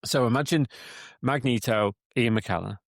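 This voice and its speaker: A man's voice: mid-range voice, moderate pace, no room sound, clean studio sound. A man co-hosting a casual podcast from a cabin in the woods, retelling a film plot with many restarts. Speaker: podcast co-host. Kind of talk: casual chat.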